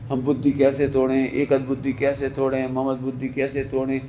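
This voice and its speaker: A man giving a sermon as a Jain preacher, speaking slowly and emphatically and repeating key phrases to drive them home. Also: medium pitch, monotone, warm tone, a little hiss or hum. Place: large hall. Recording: echoey hall, faint ambience.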